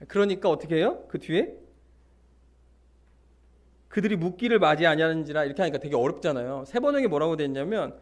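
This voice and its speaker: A male pastor giving a Sunday sermon in a lively storytelling way, with humorous asides and acted-out quotes. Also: fairly quick, pauses often. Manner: acts out scenes and quotes with big pitch swings.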